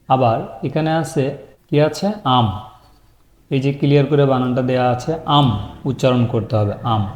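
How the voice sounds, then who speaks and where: Male teacher with a warm, dark voice who walks through a language lesson step by step, asking and answering questions. Roomy echo. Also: mid-range voice. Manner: asks questions and answers them himself. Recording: echoey room.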